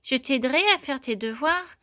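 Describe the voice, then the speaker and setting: A woman's voice: high-pitched, expressive, moderate pace, bright, forceful tone, no echo, studio quality, pitched above the performer's own voice. A woman doing a small eager boy mouse. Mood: polite eager. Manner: polite and keen.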